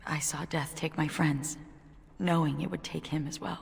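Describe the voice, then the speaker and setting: A woman's voice: deep voice, steady tone, moderate pace, creaky, big-room sound. An actress playing an earnest, curious young warrior woman in a video game, a reflective survivor who speaks with wonder. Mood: sombre, reflective. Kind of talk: video game character acting.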